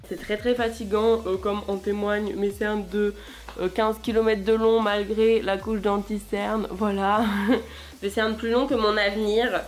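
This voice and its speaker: Une femme qui tient une chaîne sur les livres et parle de façon décontractée et bavarde, avec beaucoup de « euh ». Sa voix se situe dans un registre moyen. Une petite musique discrète joue en fond. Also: female voice, medium pitch. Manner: chatty, many hesitations. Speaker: book vlogger. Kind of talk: casual vlog chat.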